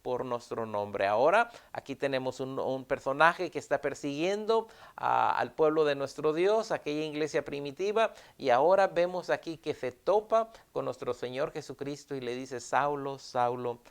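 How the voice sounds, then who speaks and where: A male pastor preaches an earnest sermon, returning again and again to his key phrases and bridging gaps with a drawn "ah". His voice is smooth and resonant, pitched a little above the usual for a man. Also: expressive, normal speed, hardly any pauses.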